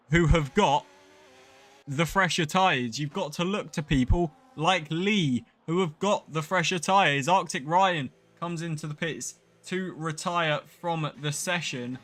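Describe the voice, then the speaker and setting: A young man giving excited live commentary on an online sim racing league race, his voice rising sharply at crashes and the arrival of rain. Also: sits high.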